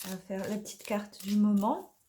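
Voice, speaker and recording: A woman casually presenting her oracle deck, chatty and hesitant with many fillers, slightly hoarse from allergies. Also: medium pitch, normal speed, dark tone, a little hiss or hum. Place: dim room in the evening.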